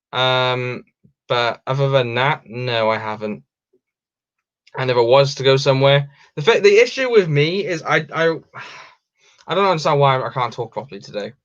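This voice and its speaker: A man's voice: medium pitch, a bit bright. A young Welsh man hosting a casual livestream, reading out viewer questions and answering in a rambling way with many ums and restarts. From Wales. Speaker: livestream host. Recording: dull lo-fi stream audio.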